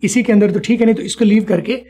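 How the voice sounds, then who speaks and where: A man teaching spoken English in an online class, repeating each sound slowly for his students. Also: sits high, fairly even intonation, warm tone.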